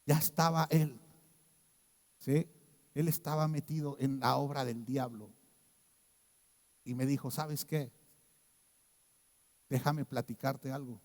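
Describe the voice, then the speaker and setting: A man preaching a sermon as pastor, telling a story and swinging from hushed to loud, emphatic moments. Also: medium pitch, steady tone, slow pace, long pauses, long reverb tail. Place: church.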